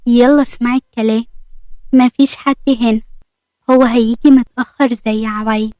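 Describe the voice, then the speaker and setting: A woman's voice: on the high side, steady tone, moderate pace, darkish tone, dry recording, natural voice. A woman with an Egyptian accent voicing a firm, teasing mother who gives orders in a story reading. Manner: firm, scolding.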